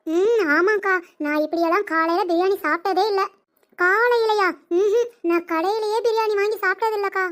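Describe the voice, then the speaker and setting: A woman's voice: extremely high pitch, brisk, fairly bright tone. A woman voicing a meek naive young wife. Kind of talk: cartoon comedy voice acting.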